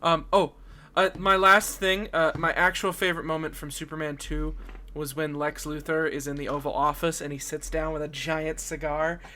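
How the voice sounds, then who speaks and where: A man co-hosting a podcast in casual chat, animated and quick to laugh as he talks. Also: fairly high pitch. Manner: animated, laughs often while talking. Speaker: podcast co-host.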